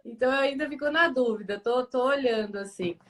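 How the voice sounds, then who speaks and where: A woman hosts a relaxed conversation and thinks aloud as she goes, circling back on her words. Her voice sits a little high for a woman. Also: a little fast. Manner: chatty, thinks aloud with fillers. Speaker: host. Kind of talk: casual chat.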